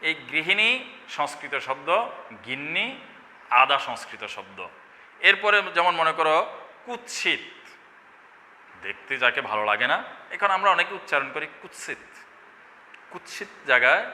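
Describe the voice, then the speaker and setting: Bright-voiced man teaching a class. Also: fairly high pitch, animated, fairly quick, long reverb tail, a little hiss or hum. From Bangladesh. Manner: explanatory, asks and answers his own questions. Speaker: Bengali teacher. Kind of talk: online class lecture.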